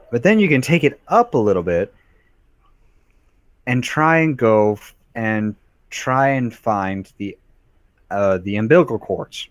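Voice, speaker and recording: A man's voice: fairly low pitch, dry recording. A young man co-hosting a game playthrough, rambling through points with many fillers and repeated phrases. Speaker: co-host of let's play. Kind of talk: casual let's play banter.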